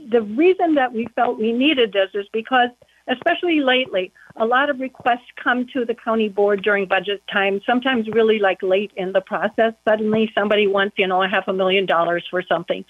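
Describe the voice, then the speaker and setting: A woman's voice: medium pitch, fairly quick. A woman on a county board, calling in to a casual interview and talking chattily with lots of "you know" fillers. Her voice comes through a muffled phone line, as if heard through a wall.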